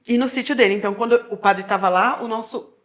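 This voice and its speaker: Talking fast in a voice a little on the high side, a middle-aged woman from Brazil shares a personal story casually, with a Brazilian Portuguese accent. She acts out the dialogue and keeps adding tag questions.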